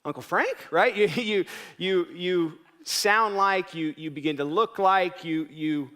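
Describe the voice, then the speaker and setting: A man's voice: high-pitched, fairly even intonation, takes it slowly, a bit bright, clean tone. A male pastor preaching a sermon in a conversational way, asking the congregation rhetorical questions and restarting his sentences.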